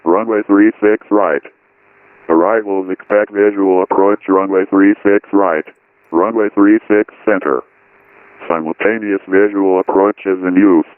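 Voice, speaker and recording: A deep, smooth synthetic male voice reads out an automated airport weather broadcast. Each item comes out even and clipped, the way text-to-speech does. The sound is dry and close. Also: unhurried, no echo, phone-quality sound. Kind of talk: looping automated weather and runway readout.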